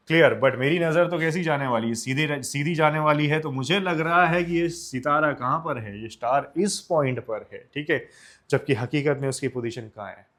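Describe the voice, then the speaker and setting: His voice is fairly high and a bit bright. A young man from India, he teaches science for exams, mixing Hindi with English, asking and then answering his own questions, and calling the students children.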